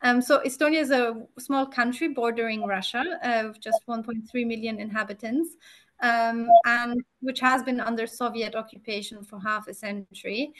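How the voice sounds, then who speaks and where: Young woman, higher-pitched, interviewer, steady explanatory tone, video call. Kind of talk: prepared interview questions.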